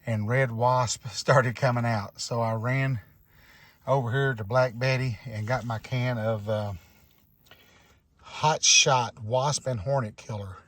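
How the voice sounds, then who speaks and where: A man's voice: mid-range voice, steady tone, takes it slowly, a bit bright, no echo. A man vlogging outdoors at his junkyard, out of breath and folksy, talking back to wasps. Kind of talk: casual outdoor vlog.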